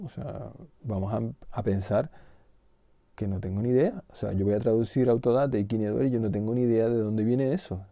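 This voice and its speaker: A middle-aged man with a Canarian Spanish accent, speaking low and with a gravelly edge. His tone is very dark and mellow. He holds forth in an indignant explanatory monologue packed with rhetorical questions, recorded close and dry. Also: no echo. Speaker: video host.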